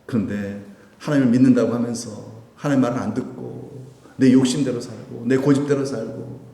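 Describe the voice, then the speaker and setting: A man's voice: medium pitch, fairly even intonation, a little fast, creaky, dark tone. A man preaching a Sunday sermon, putting questions to the congregation as he goes. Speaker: pastor. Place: church sanctuary. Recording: echoey church hall with long reverb.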